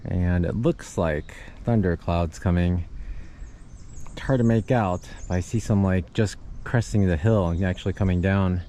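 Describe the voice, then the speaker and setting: A tired fifty-year-old thru-hiker vlogs casually into his camera on a forest trail, laughing often. His low voice is warm and moves at normal speed. A little hiss or hum can be heard.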